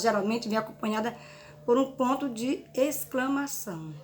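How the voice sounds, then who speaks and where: A woman teaching a grammar lesson, explaining through examples and checking in with frequent tag questions. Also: a little high. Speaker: Portuguese teacher.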